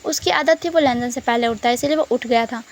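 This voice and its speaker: A woman's voice: a little high, fast talker, a little hiss or hum. A woman casually retelling a story in a chatty way, mixing in English words.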